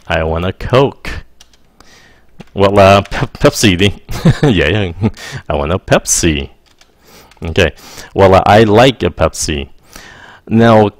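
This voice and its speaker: A man, teaching English in a casual, patient lesson and repeating example phrases slowly. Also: lowish voice, no echo.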